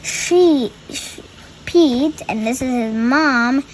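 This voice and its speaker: Very slowly, a little girl reads aloud from a picture book in her high voice, pausing to describe the illustrations. Faint background noise can be heard on the low-quality recording.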